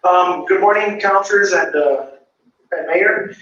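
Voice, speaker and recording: A man's voice: high-pitched, measured pace, bright, forceful tone. A man presenting an agenda item to a board, hesitant with many ums and uhs. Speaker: staff presenter. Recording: distant, roomy, dull audio.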